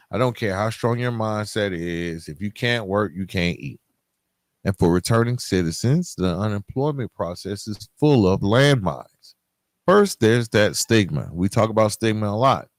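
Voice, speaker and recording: A middle-aged podcast host speaks informally and directly to his listeners in a solo, conversational monologue. His voice is on the low side and gravelly, recorded at studio quality with no echo.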